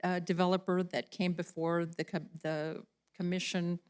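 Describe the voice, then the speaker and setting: A woman's voice: on the low side, level tone, moderate pace, darkish tone, smooth. A woman chairing a county commission meeting who asks staff direct questions.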